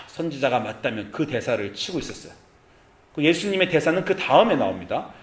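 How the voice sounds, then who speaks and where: A man preaching as pastor, animated, at times acting out soft, pleading prayers. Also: a little high. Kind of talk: sermon. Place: church sanctuary. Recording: echoey church sanctuary.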